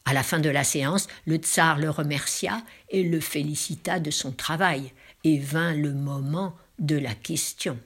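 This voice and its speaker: Slow husky-voiced woman telling a tale. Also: low-pitched. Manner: drops into hushed whispers for emphasis; slow, drawn-out dramatic phrasing. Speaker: storyteller. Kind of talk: told folk tale.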